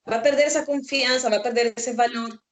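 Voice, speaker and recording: Calm high-voiced woman. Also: brisk. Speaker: guest, psychologist. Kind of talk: panel discussion on parenting.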